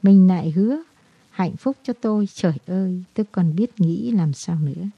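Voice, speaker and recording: A woman's voice: lowish voice, moderate pace, gravelly, slightly rough, no room sound. A woman reading an anguished young wife. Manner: tearful, lamenting delivery. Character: anguished young married woman torn by love. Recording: dull, dry lo-fi recording.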